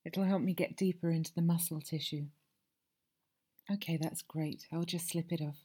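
A woman performing an ASMR audio roleplay as a masseuse, talking softly and soothingly and often slipping into whispers. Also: low-pitched, steady tone, moderate pace, husky.

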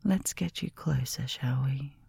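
A woman whispering softly and slowly close to the microphone, soothing a listener toward sleep in a caretaker roleplay. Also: very deep voice, vocal fry, husky, dry recording. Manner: soft, slow, soothing whisper.

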